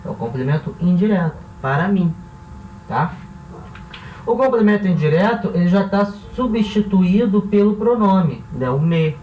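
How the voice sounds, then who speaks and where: A man from Brazil teaching a grammar lesson, explaining each step slowly and checking in with his listeners as he goes. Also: high-pitched, lively intonation, distant mic, dull audio, slight background noise. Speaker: language teacher. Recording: echoey room, voice off-mic.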